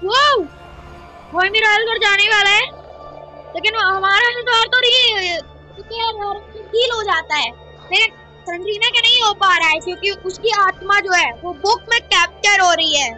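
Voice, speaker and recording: Gaming commentary, very high pitch, slightly hoarse, excitable, yelping at scares. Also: normal speed, soft background music. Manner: excitable, yelps and exclaims at scares. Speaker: gaming YouTuber. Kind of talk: excited Hindi gameplay commentary.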